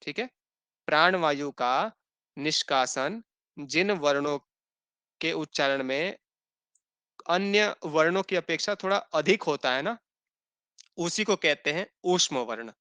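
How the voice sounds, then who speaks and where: An expressive, bright and forceful male voice on the high side, clear and resonant with no room sound, belongs to a Sanskrit teacher running an online class. He slowly repeats definitions for note-taking and patiently checks in with "thik hai" and "hai na".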